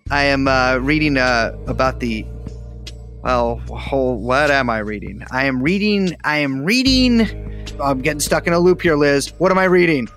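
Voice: medium pitch, lively intonation, normal speed, fairly bright tone, faint music behind. A podcast co-host telling a wildly exaggerated comic story in a rambling, profane way.

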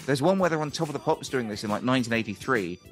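Male guest, mid-pitch, relaxed rambling anecdotes, quick to laugh. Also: faint music behind. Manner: rambling, chatty, laughs often. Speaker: guest musician and ukulele teacher. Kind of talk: casual storytelling.

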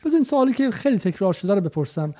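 A man's voice: high-pitched, sing-song, dark tone. A man asking direct, insistent questions as an interviewer.

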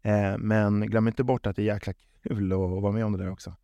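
A man's voice: lowish voice, level tone, gravelly, mellow, no room sound, lo-fi sound. A man answering interview questions in a conversational way, often repeating and rephrasing words as he reasons things through. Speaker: football club sporting executive, interviewee.

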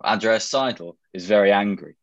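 A man's voice: fairly low pitch, moderate pace. A man co-hosting a casual chat, wry and opinionated, with plenty of "um"s. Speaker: podcast co-host. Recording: dry, dull lo-fi sound.

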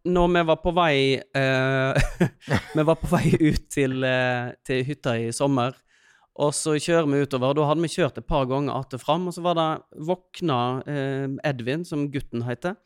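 A man in his thirties, a podcast guest, telling stories in an animated way in casual chat. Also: medium pitch, clean tone, no echo, studio quality. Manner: animated, laughing storyteller.

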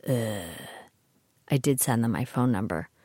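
Low-voiced sarcastic woman telling a story. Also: expressive, measured pace, dry recording, studio quality. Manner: sarcastic asides. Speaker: podcast host. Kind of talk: casual storytelling monologue.

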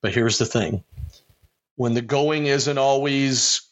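Speaking slowly at a medium pitch, a man from Ohio, USA, appears as a podcast guest offering earnest, motivational advice. The conversation is casual interview talk, though he has a preacherly way of speaking.

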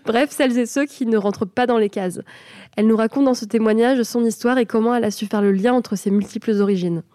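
A French woman co-hosting a podcast speaks in a mellow, darker-toned voice, a little high in pitch. She talks casually and enthusiastically, with frequent hesitations and fillers. The recording is dry and close. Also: fairly even intonation, quick pace, no echo. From France. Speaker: podcast co-host.

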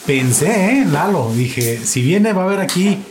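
A man hosting a podcast, asking his guest questions in a relaxed, playful way. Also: a little high, unhurried, noisy background. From Mexico. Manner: easygoing, playful, asks questions with short backchannels. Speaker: podcast host. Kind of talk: casual chat.

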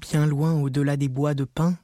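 A man's voice: high-pitched, steady tone, measured pace, darkish tone, no room sound, studio quality. A man voicing a weary, sorrowful old male ghost who speaks in a dreamy, mournful, pleading way.

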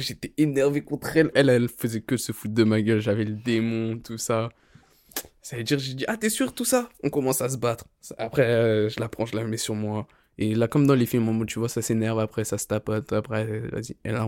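Young guy, slangy rambling storyteller with a dry close sound and a mid-pitched voice. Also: darkish tone, dry recording. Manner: slangy, rambling, frequent fillers like "tout ça". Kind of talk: casual crude storytelling.

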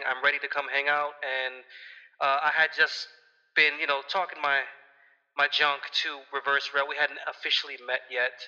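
A man's voice comes through a dull payphone line with a long, roomy echo. His tone is very bright and pitched a little high, and he tells stories in a chatty way, laughing between them. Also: clear, resonant tone. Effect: calling in over a prison payphone line. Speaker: caller. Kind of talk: casual birthday toast.

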